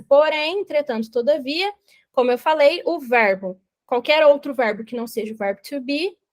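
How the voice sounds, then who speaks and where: A young woman with a Brazilian Portuguese accent teaching an online English grammar lesson in a lively, explanatory way, often checking in with her students. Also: sits high.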